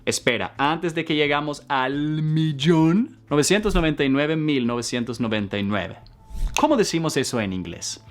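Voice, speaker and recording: A man teaching English numbers in a playful video lesson, saying the examples slowly and clearly and joking between them. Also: medium pitch, a bit bright.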